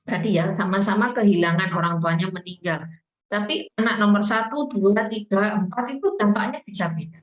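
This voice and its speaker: A woman's voice: mid-range voice, moderate pace, dull audio. A woman giving a webinar lecture over a video call, explaining patiently and often checking in with the listeners as she goes. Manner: explanatory, frequent tag questions and fillers. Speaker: webinar speaker on trauma. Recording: echoey room.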